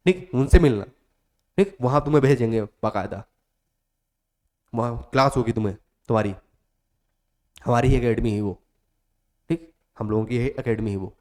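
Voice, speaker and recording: A man's voice: mid-range voice, moderate pace, long pauses, darkish tone. A male coaching teacher speaking. He gives a motivational class talk, repeats his points over and over, calls the students "beta" and sometimes acts out student voices.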